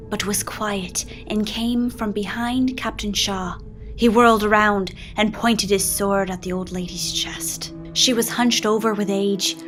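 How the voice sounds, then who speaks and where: A woman narrating a scripted pirate tale in a measured, even read-aloud voice, slipping into pirate phrasing. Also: mid-range voice. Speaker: storyteller.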